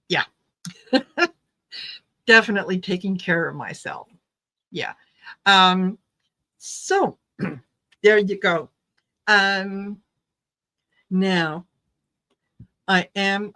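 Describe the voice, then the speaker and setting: A middle-aged woman, originally from Croatia and raised in Canada, hosts a tarot livestream in an unhurried, somewhat low voice. She chats loosely with her viewers, hesitating with ums and restarting her sentences, laughing easily as she goes. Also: a bit bright. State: recovering from low blood sugar, tired. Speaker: tarot reader and livestream host. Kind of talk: casual livestream chat with viewers.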